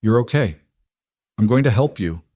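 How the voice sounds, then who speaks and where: A man's voice: medium pitch, animated, normal speed, warm tone, no echo, clean studio sound, lightly acted. A man voicing an alarmed single father, urgent but controlled as he speaks. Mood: soothing.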